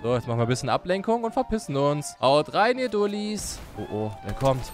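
A man's voice: a little high, a little fast. A man giving joking Let's Play commentary, playacting a lazy beer-bellied Thor and exclaiming often, with game music behind him. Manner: excitable, frequent "oh, oh" exclamations. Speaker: gaming YouTuber.

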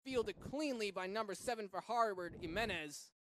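A man from Massachusetts calls a rugby match play by play in a fairly high voice. His delivery is energetic and jumps to shouts when a runner breaks loose. A faint hiss of noise sits under the commentary. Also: moderate pace. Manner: energetic play-by-play, surging to shouts on big runs.

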